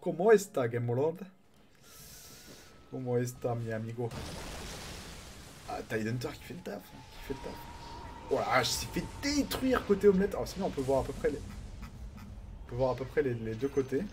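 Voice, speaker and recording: A man casting a live online game tournament, chatty and excitable, greeting viewers and swearing casually. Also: medium pitch, fairly quick, background noise. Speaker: tournament caster and streamer.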